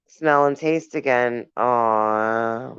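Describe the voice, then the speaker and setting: With a bass voice that is clear and resonant, a woman runs a casual live stream, giggling between remarks as she reads viewer comments and addresses her viewers fondly. The audio is dry and dull.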